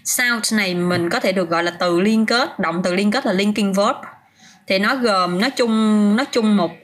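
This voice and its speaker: A woman's voice: mid-range voice, moderate pace. A woman teaching English vocabulary on a casual livestream, chatting, answering viewers' comments by name and often restarting her sentences.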